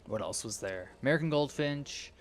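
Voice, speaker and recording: This gaming video creator, a young man, talks through a video game in a casual, rambling way, drifting and breaking off mid-thought often. He has a medium-pitched voice with lively intonation at a normal speed, against slight background noise.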